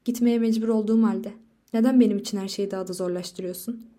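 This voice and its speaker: A tense young husband and reluctant soldier pleads in a hushed, uneasy way in a storybook reading, read by a woman narrator. The voice stays mellow and dark, close to the reader's own. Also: medium pitch, steady tone, fast, natural voice. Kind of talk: audiobook reading.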